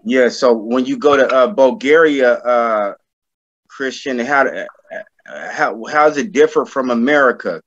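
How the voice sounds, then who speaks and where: A man hosting a video call discussion, asking questions haltingly with many restarts. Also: mid-range voice, a bit bright. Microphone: laptop webcam on video call. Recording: slightly dull, lo-fi sound.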